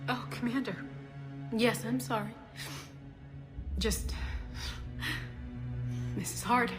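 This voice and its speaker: In a line of video game dialogue, a woman plays a young female scientist in grief, speaking haltingly and emotionally with hesitation while game music plays behind her. Her voice is fairly high with fairly even intonation.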